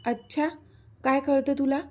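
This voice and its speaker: A woman's voice: sits high, steady tone, measured pace, a little mellow. A woman voicing a cruel, mocking male villain who taunts and sneers, in a storybook reading. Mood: sneering.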